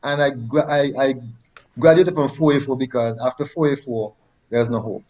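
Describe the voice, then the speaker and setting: A man's voice: medium pitch, fairly even intonation, normal speed, darkish tone, low-quality recording. A man from Nevis with a Nevisian Caribbean accent, telling personal stories conversationally and repeating phrases for emphasis. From Nevis, Saint Kitts and Nevis. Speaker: interview guest, former track athlete.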